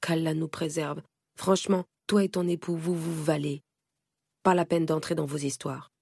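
A woman reading, voicing a cold, scornful aunt who lectures her niece. The low, gravelly voice stays hard and clipped, close up and dry, as in a spoken storybook. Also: steady tone, moderate pace, a little mellow, dry recording, heavily acted. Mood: stern. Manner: stern and contemptuous.

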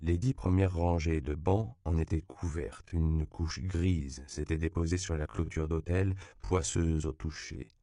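A man reads an audiobook in a calm, measured way. His voice is very low and gravelly, with a dark, smooth tone. The recording is close and dry. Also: dry recording. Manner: measured, even storytelling. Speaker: narrator. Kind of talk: audiobook narration.

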